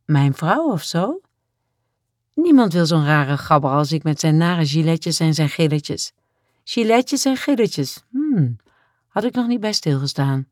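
A woman voicing a tender, self-mocking grown man who speaks softly and earnestly in an audiobook. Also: sits low, sing-song, a little slow, dry recording, clean studio sound, heavily acted. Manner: soft and earnest. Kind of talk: audiobook character voice.

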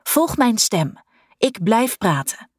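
A woman's voice: a little high, sing-song, takes it slowly, slightly rough, dry recording, clean studio sound, voice pushed up, full character voice. A woman doing a firm, raised-voiced swim teacher. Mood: urgent, commanding. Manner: raised, firm, reassuring commands. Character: young woman swimming teacher, calm and commanding.

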